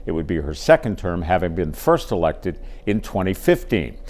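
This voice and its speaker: A male anchor reads election results from a script in a fairly low voice. His delivery is steady and measured. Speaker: news anchor. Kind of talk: scripted news reading.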